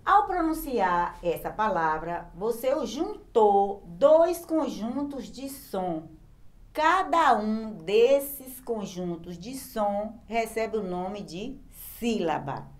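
A woman's voice: mid-range voice, big pitch swings, slow. A woman teacher with a Brazilian Portuguese accent gives a remote lesson to young children. She explains patiently and sounds out words syllable by syllable. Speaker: primary school teacher.

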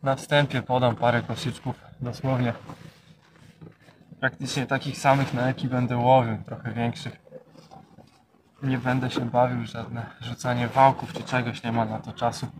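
Speaking at an ordinary pace in a medium-pitched, level voice, a young man talks through his canal-side fishing trip for his vlog. He explains his gear step by step while outdoor noise and nature sounds carry in the background.

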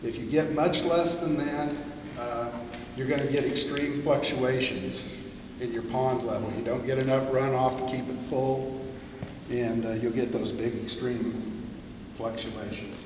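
A middle-aged American man giving a plain-spoken workshop talk, relaxed, with lots of "uh" fillers, recorded from a distant camera in a large gym. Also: mid-range voice, a little slow, noisy background. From United States. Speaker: conservation agency staff speaker. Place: large gym-like hall with wooden floor, indoors. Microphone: far camera. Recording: very echoey hall, voice from far off.

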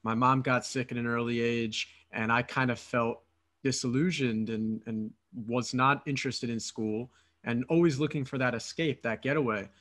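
A man's voice: medium pitch, steady tone, normal speed, a bit bright. A man in his thirties from Philadelphia, hosting a podcast over a video call and talking eagerly in long runs with some fillers. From Philadelphia, United States. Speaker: podcast host. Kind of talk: casual podcast interview. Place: apartment room, video call. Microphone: headset.

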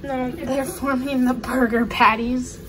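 A woman's voice: high-pitched, steady tone, a little slow, fairly bright tone, soft background music. A young woman filming and narrating a home cooking vlog, teasing her siblings as she goes. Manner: teasing, playful. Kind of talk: casual kitchen vlog narration. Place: home kitchen. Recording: noisy kitchen with sizzling pan.

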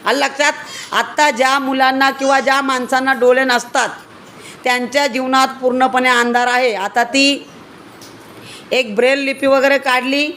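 Woman, preschool teacher, Marathi accent, high voice, quizzing children, faint background hiss. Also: little pitch movement, normal speed. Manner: questioning, coaxing children to answer louder. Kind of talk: classroom teaching to young children.

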